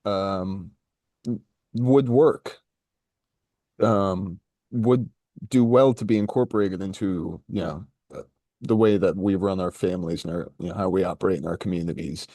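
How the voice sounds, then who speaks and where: A man co-hosting a casual history podcast, halting and searching for words, with jokey asides. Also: deep voice, mellow, no echo. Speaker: podcast co-host.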